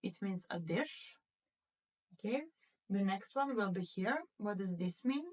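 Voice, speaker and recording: Slow-speaking woman teaching German sounds. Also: medium pitch, lively intonation. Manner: asks the class questions, repeats words twice. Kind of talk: slow classroom lesson explaining pronunciation. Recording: voice from some distance off the mic.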